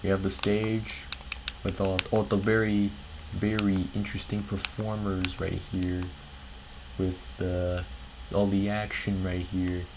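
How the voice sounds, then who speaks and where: A man's voice: low voice, completely flat delivery, slow pace, background noise. A man hosting his gaming channel, giving a casual, rambling tour of a Minecraft build in a worn, strained voice with many fillers.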